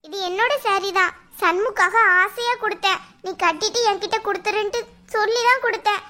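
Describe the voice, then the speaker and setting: Very high-pitched tearful young woman. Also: fairly quick, sharp tone. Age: young adult. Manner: tearful, pleading. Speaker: scheming young wife-to-be in a home drama. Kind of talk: Tamil family drama acting. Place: indoors at home.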